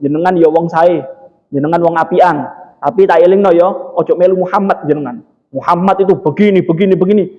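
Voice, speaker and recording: A man's voice: high-pitched, a little fast, lightly acted. A man playing a blind, rude old man. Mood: scornful. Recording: dull, echoey mosque hall.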